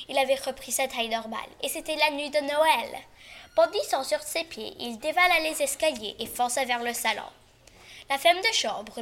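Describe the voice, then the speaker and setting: A woman reading a children's Christmas story aloud, expressively and with varied loudness. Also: sits high.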